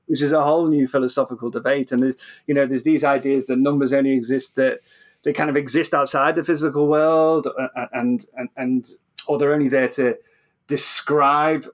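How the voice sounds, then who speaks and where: Speaking briskly in a steady, mid-range voice, this British man talks informally as an interview guest on a podcast. He's a physicist and author who frequently repeats words and starts his sentences over.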